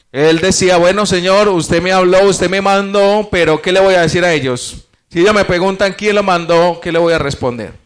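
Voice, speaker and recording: A man's voice: a little high, a bit bright, clear, resonant tone. A man teaching a church Bible study class, explaining step by step, posing rhetorical questions and addressing the congregation as brothers.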